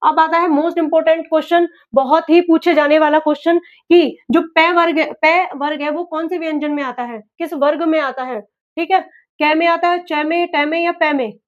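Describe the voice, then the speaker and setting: A woman's voice: high-pitched, fairly even intonation, moderate pace, lo-fi sound. A woman teaching an exam-prep class, asking a question, answering it herself and repeating it back. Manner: repetitive, drilling, asks and answers own questions.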